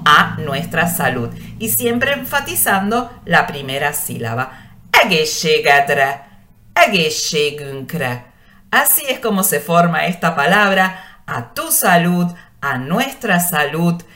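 A woman giving a radio language lesson, patiently explaining and slowly drawing out each word she teaches. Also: lowish voice, sharp tone. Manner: slow, drawn-out pronunciation of words; patient explaining with rhetorical questions.

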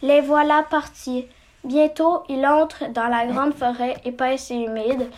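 High-voiced woman reading a story slowly. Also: fairly even intonation, a little mellow, slight background noise. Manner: slow, halting, with stumbles and restarts. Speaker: story reader. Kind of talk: reading a children's story aloud.

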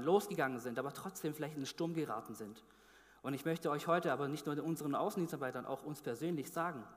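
A man's voice: fairly high pitch, a bit bright, in a large hall. A man giving a sermon in a conversational way, often restarting his phrases. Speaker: preacher.

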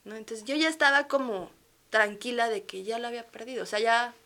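A woman in her thirties with a Mexican accent, a guest telling stories in a relaxed, chatty way with frequent laughs. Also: a little high, fairly quick. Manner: lively, chatty storytelling with frequent laughs and fillers. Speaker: guest architect. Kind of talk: casual interview chat.

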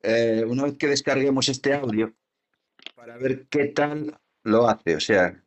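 A man co-hosts a podcast in a casual chat, his mid-range voice unhurried as he rambles along with plenty of fillers and restarts. The audio is dull and lo-fi.

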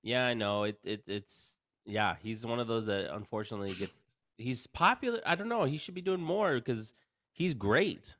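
A man's voice: medium pitch, expressive, normal speed, fairly bright tone, no room sound, studio quality. A man co-hosting a podcast, chatting casually about TV series in an easygoing way, often restarting his sentences. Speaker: podcast co-host. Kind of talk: casual chat about films and TV.

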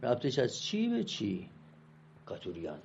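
A man's voice: medium pitch, animated, slight background noise. Man reading stage directions. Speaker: narrator. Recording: dull lo-fi audio under loud guitar music.

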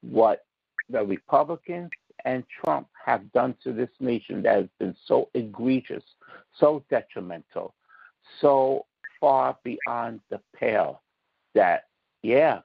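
A man with a gravelly, fry-edged voice speaks as a political commentator on a podcast, leaning hard on each point in a folksy, fired-up way. The sound is dry and a little dull, like lo-fi podcast audio. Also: mid-range voice, slow, dry recording.

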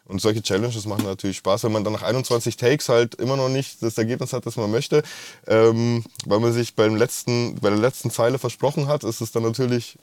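A man's voice: mid-range voice, steady tone, a little fast, a little mellow. A man with a rolled R, talking casually and enthusiastically as a musician being interviewed. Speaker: musician, singer-songwriter guest.

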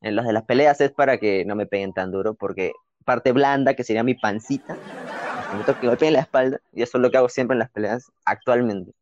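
A young man with a Peruvian accent, telling childhood stories in an animated, slangy way with frequent laughs, as a podcast co-host. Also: mid-range voice, a little fast, no echo. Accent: Peruvian Spanish. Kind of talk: casual storytelling chat. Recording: dull, dry lo-fi recording.

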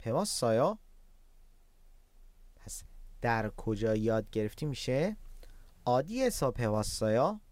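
A man teaching Korean in an online lesson, explaining patiently and repeating words for learners, sometimes slowing right down to spell a word out syllable by syllable. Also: mid-range voice, big pitch swings, darkish tone, dry recording.

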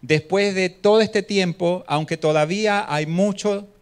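Mask-muffled preacher, bright, smooth voice. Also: male voice, high voice, unhurried. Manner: conversational, asks the congregation questions. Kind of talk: sermon. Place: church hall. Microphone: handheld mic, speaking through a face mask.

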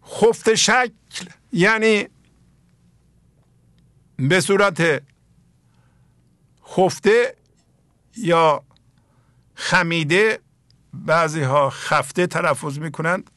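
A middle-aged man with an Iranian Persian accent, slowly reciting mystical poetry and explaining it in a plain sermon. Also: a little high, animated, vocal fry, pushed and bright, no echo. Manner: slow, emphatic recitation of verses then plain explanation. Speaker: spiritual teacher.

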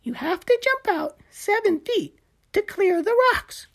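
A woman doing a squeaky, chirpy little gecko. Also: animated, a little slow, exaggerated voice. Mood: encouraging. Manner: chirpy and encouraging. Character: eager cheerful little male gecko coach.

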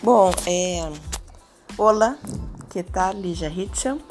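A woman's voice: mid-range voice, takes it slowly, darkish tone, soft background music. A Brazilian woman with a Brazilian Portuguese accent, patiently teaching a Spanish lesson and often checking in with "tá?" and "né?". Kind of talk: explanatory language lesson.

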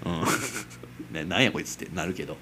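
A man's voice: deep voice, quick pace, sharp tone, slight background noise. A young man in his twenties with a Kansai accent, hosting a casual solo late-night radio-style chat, rambling and self-mocking with frequent chuckles. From Kansai, Japan. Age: 20s. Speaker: amateur radio-style host.

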